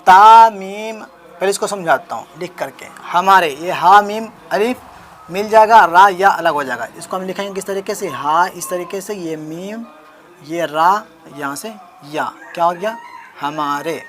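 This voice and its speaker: A man teaching handwriting, spelling out letters slowly and repeating words, then asking and answering his own questions. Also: sits high, a bit bright, a little hiss or hum. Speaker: online Urdu writing teacher. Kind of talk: step-by-step handwriting lesson. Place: home, with beggars on a loudspeaker outside.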